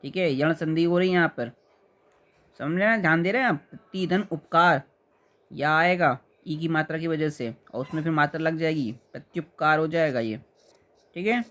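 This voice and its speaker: A man teaching a spelling lesson for exam students, with a voice pitched a bit above most men's. He explains patiently, says each word slowly more than once and keeps checking that his students are following. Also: fairly bright tone.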